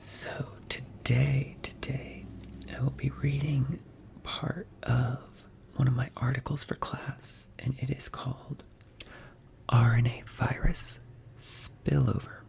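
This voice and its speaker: A young man with a hoarse throat hosting an ASMR video, whispering into a close microphone and slowly repeating words as triggers. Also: medium pitch, steady tone, a little mellow. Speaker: ASMR channel host. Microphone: close microphone at a desk.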